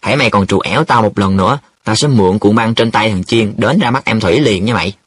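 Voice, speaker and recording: A man's voice: fairly low pitch, fast talker, fairly bright tone, husky, no room sound. A man voicing a touchy young man in love who answers his friends defensively and hesitantly. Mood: threatening.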